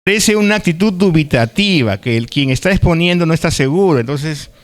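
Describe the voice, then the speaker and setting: Brisk and expressive, with a pitch a little on the high side, a Peruvian man with a Lima accent gives a chatty live university lecture. He keeps asking his students tag questions and now and then stumbles, restarting his words.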